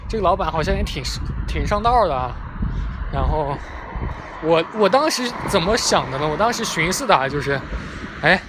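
A man's voice: a little high, normal speed. Chatty young man telling a story. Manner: chatty, animated, self-mocking. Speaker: vlogger. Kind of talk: casual storytelling monologue. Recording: clear street and traffic noise behind. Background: passing vehicles.

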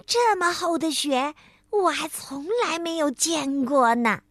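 A woman voicing a lively, stubborn little frog boy who exclaims excitedly. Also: high-pitched, a little slow, no room sound, studio quality.

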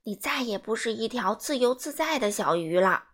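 A woman voicing a kind, wise old grandmother in a storybook reading, with a lower, gentle and patient voice. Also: lively intonation, normal speed. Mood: playful.

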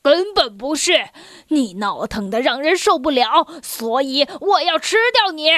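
A woman voicing a sly, hungry old male lion in a children's story, with a deep growling tone. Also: lively intonation, measured pace, fairly bright tone, no room sound. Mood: menacing.

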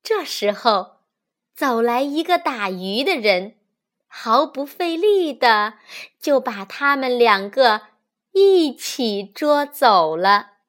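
A woman hosting a children's reading show, telling fables to the listeners in a gentle storytelling voice. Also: on the high side, big pitch swings, takes it slowly. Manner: gentle, addresses listeners as darlings. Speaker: children's textbook reader, host.

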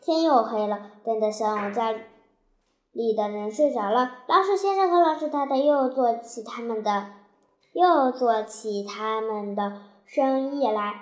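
A woman narrating a children's story with a lively, expressive delivery. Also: fairly high pitch, measured pace, reverberant.

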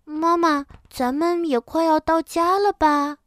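A woman voicing a playful, curious little bear cub in a high, childlike, excited voice. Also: a little slow, no echo, clean studio sound. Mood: sleepy.

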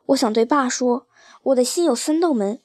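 A woman reading a first-person story aloud in an expressive, emotional way. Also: high voice, normal speed, dry recording, clean studio sound.

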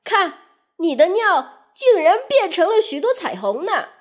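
A woman voicing a proud, boastful flying fish leader in a children's story, speaking loudly and quickly. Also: very high-pitched, very animated, voice pushed up, full character voice. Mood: excited.

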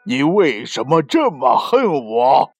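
A woman voicing the living East Sea as a vast, scornful male force, mocking slowly in a storybook reading. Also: sing-song, no room sound, soft background music, heavily acted. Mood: angry. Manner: slow, booming, laughing scornfully.

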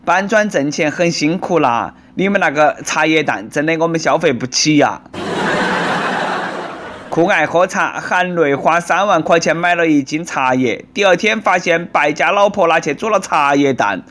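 A man's voice: on the high side, moderate pace, noisy background. A man with a Nanchong Sichuanese accent, delivering comic news commentary in a sarcastic, bantering way.

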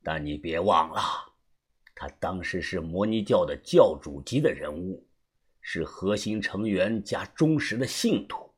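A man voicing an older, calm, secretive uncle who speaks low, hushed and measured, as an audiobook character. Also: husky, heavily acted.

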